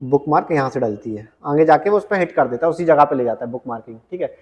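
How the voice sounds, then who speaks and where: A man teaching an exam-prep computer lesson, reading English questions slowly and explaining them in casual Hindi. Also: a little high, animated, darkish tone. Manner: often adds "ठीक है" as a check-in.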